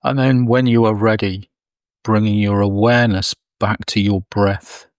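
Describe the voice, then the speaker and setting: Male meditation guide, unhurried and gentle, lowish voice, dry close recording. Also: level tone, dry recording. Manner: slow, soft, soothing delivery with long pauses.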